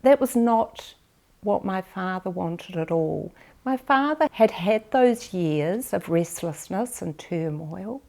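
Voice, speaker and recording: A New Zealand woman in her fifties or sixties, interviewed for a documentary, recounts her family's history in a measured, reflective manner. Her medium-pitched voice is gravelly and a little mellow, with lively intonation, and she speaks unhurriedly with frequent pauses.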